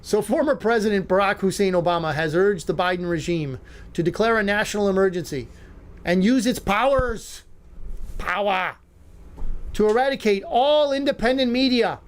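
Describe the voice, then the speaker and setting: A man's voice: high-pitched, normal speed. A man hosting a talk show, giving opinionated commentary with sarcastic, mocking asides and rambling restarts. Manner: rambling, with many fillers and restarts.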